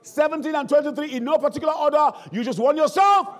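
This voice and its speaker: A man's voice: very high voice, fast, a bit bright. A middle-aged man with a Nigerian accent hosting a live lottery draw, calling out to the crowd like a hard-selling showman with repeated barker's phrases. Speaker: game show host. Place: large indoor stage before a seated audience. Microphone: handheld microphone. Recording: music behind, live stage microphone.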